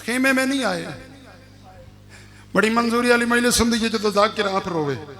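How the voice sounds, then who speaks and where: A man with a Punjabi accent reciting a majlis to a village mourning gathering, moving from soft narration to shouted, sung lament. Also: extremely high pitch, normal speed. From Pakistan. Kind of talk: impassioned religious majlis oration.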